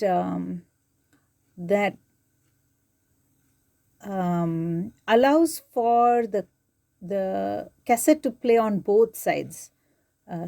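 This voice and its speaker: A woman with a medium-pitched, darkish voice walks viewers through digitizing tapes in an informal, unscripted demonstration. She hesitates and reasons aloud as she goes step by step.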